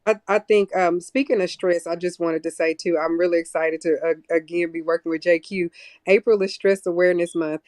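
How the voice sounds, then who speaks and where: A woman's voice: lowish voice, fairly even intonation, a little fast, darkish tone, no echo, clean studio sound. A woman guest with a Southern American accent, earnestly explaining her youth programs in a casual interview. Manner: earnest, explains plans in long lists.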